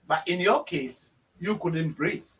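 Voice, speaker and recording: A man's voice: a little high, slow, a bit bright, recorded from a distance. A man hosting a conversational interview, speaking emphatically and repeating his phrases. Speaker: talk show host.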